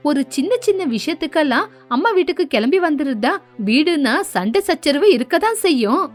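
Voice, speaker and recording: A woman voicing a patient, put-upon young wife in an animated story, pleading and reasonable. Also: high-pitched, a little fast, faint music behind.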